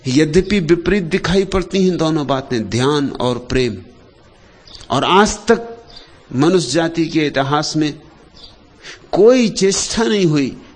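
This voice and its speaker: A man with a fairly high voice delivers a spiritual discourse at a very slow, deliberate pace. His pitch swings widely, sinking to hushed low phrases and climbing to loud emphatic ones, with long pauses between short lines. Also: animated. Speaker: spiritual teacher.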